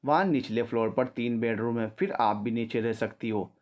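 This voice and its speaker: A man voicing an anxious young husband who is about to become a father, firing off eager questions in quick bursts. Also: mid-range voice, lightly acted. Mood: excited worried.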